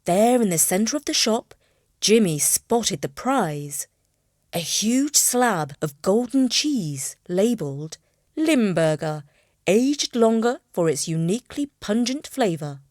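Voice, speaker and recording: A woman narrating a children's storybook in an expressive, playful reading. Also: mid-range voice, takes it slowly, dry recording, studio quality.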